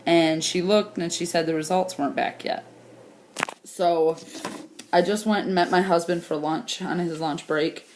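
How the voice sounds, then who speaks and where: A woman's voice: lowish voice, steady tone, measured pace, a little mellow, slight background noise. A young woman giving a tearful, rambling vlog update, crying and laughing as she talks. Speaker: vlogger. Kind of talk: emotional personal vlog update.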